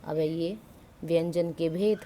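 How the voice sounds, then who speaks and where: A woman teacher with a low, mellow voice walks students through grammar one point at a time. She asks a question, then answers it herself, dropping English words in as she goes. A faint hiss of background noise sits under her voice. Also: steady tone, unhurried. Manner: mixes English words into Hindi. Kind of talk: explaining Hindi grammar to school students.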